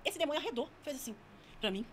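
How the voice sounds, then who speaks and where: A woman recounts her testimony at a breakneck pace, vivid and emphatic. Her voice sits high, and a faint hiss runs underneath. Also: expressive, quick pace. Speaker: guest giving a testimony. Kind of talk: dramatic personal testimony.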